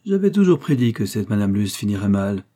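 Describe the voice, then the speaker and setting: A man's voice: fairly low pitch, very animated, fairly quick, mellow. A man reading aloud, voicing a prim mother who passes stern judgment. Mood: disapproving. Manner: judgmental, disapproving.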